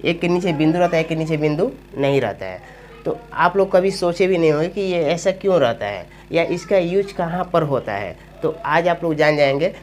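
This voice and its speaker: A teacher explaining Hindi spelling step by step, asking questions aloud and then answering them. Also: mid-range voice. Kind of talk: spoken grammar lesson.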